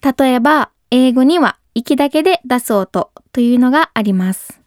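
A woman teaching English pronunciation, speaking clearly and patiently and modeling words slowly. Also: high-pitched, expressive, a little mellow, no room sound, studio quality. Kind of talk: pronunciation lesson.

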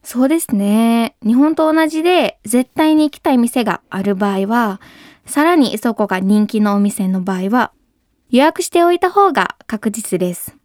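A woman teaching English pronunciation, speaking clearly and patiently and modeling words slowly. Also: a little high, lively intonation, a little mellow, dry recording, studio quality. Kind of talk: pronunciation lesson.

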